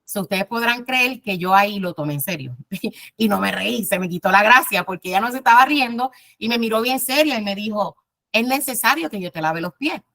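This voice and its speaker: Woman teaching a Bible class. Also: mid-range voice. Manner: warm storytelling, addresses listeners directly, frequent "eh" pauses.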